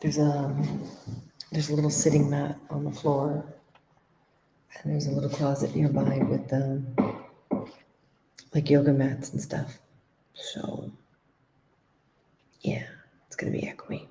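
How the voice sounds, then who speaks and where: Woman, low gravelly voice, echoey empty room, hands-free headset, rambling casual co-host. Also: completely flat delivery, slow pace, pauses often. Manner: rambling, lots of restarts. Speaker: co-host of a live broadcast. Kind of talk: casual chat. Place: empty meditation room indoors. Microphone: hands-free headset over a video call. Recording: roomy echo, faint background noise.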